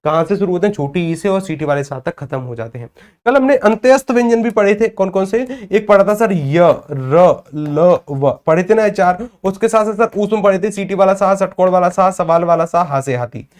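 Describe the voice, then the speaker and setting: A man's voice: sits high, fairly quick, a little mellow. A man teaching an exam-prep class, who asks his own questions, answers them, and repeats the key terms. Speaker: Hindi teacher.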